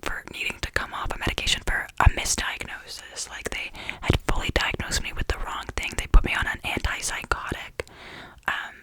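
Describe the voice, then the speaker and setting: A woman's voice: moderate pace, rough recording. A woman venting in a casual ASMR whisper, exasperated and sardonic, rambling and repeating her phrases. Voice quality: whispery, breathy with creaky edges. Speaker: ASMR creator.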